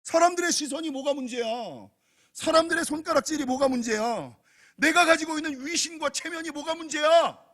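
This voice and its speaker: Defiant Zacchaeus, as a preacher puts him on. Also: male voice, very high voice, a little fast, a bit bright, pitched above the performer's own voice. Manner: defiant, insistent. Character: Zacchaeus, a scorned man set on seeing Jesus.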